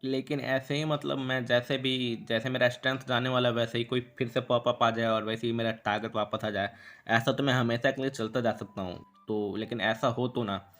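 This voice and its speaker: A man's voice: medium pitch, fairly even intonation, normal speed, fairly bright tone, soft background music. A man with an Indian accent casually recapping a comic story, chatty and rambling with fillers, lightly voicing the characters. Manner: chatty, rambling with fillers, addresses listener as bhai. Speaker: manhwa recap narrator.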